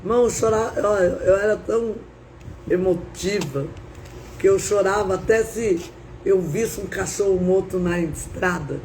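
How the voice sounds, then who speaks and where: A woman preacher shares her testimony on a live stream, drawing her words out slowly. She tells it with feeling and drama and keeps breaking in with praise, over a faint hiss behind her. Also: mid-range voice, darkish tone, poor audio. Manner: dramatic, repeats praise phrases. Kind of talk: emotional testimony sermon.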